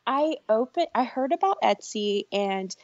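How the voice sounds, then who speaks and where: A woman's voice: fairly high pitch, animated, a little slow, a little mellow, no room sound. Woman from Japan guesting on a podcast, friendly and laughing often, dry and slightly dull sound. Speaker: podcast guest, shop owner. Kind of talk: casual interview chat.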